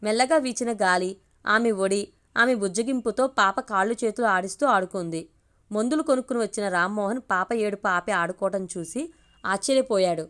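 A woman's voice: mid-range voice, fairly quick, a bit bright. Give me a woman narrating an audio story, doing all the dialogue in her own ordinary voice. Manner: reads all the characters' dialogue in her own voice with little change.

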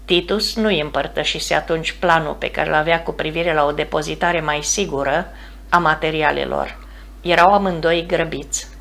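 A woman reads a novel aloud as an audiobook narrator, steady and measured. Her voice sits low, with a gravelly, creaky texture. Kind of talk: scripted narration.

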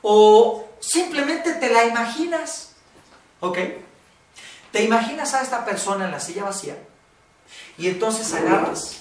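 A woman's voice: mid-range voice, fairly bright tone, distant mic. Blunt Mexican woman in an echoey room. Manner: blunt, swears freely, checks in with "¿ok?". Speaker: workshop facilitator. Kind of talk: casual spoken workshop lesson.

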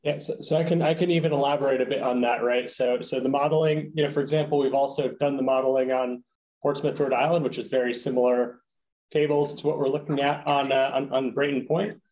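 A man's voice: medium pitch, steady tone, brisk, darkish tone, poor audio. A man serving as a technical expert at a public hearing, explaining at length with many fillers and restarts.

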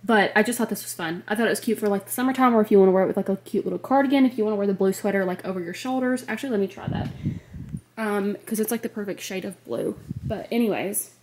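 Speaking fast in a darkish, mid-range voice that's slightly nasal and congested, a twenty-something American fashion vlogger gushes over a clothing haul. She films in her bedroom with a compact camera at arm's length, says "like" a lot, and there's a little hiss or hum on the audio.

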